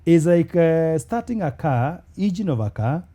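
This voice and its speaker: Dark-toned Kenyan speaker teaching emphatically. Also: mid-range voice, sing-song, unhurried. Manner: emphatic, teacherly, asks rhetorical questions. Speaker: guest speaker, leadership trainer. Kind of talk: motivational explanation in conversation.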